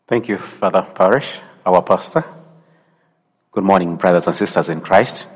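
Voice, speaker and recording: A man from Malawi with a Malawian accent, a visiting priest introducing himself to a congregation in a measured way. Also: sits low, breathy edge. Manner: measured, with frequent um and uh. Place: church. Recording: long church reverb.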